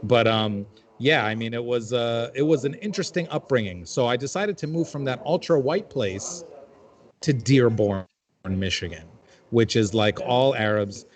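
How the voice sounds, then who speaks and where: This man, a comedian from Jordan in his forties and a panel guest, speaks at medium pitch with lively intonation and a moderate pace. His casual storytelling is wry and dry, peppered with asides full of fillers.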